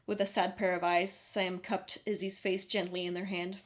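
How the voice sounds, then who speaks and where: A woman narrating a story in an even, audiobook-style read. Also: lowish voice, moderate pace.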